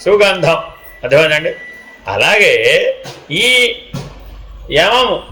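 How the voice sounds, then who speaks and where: Bright-voiced man giving a spiritual discourse. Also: on the high side, low-quality recording. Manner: questioning, acts out dialogues. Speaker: spiritual teacher.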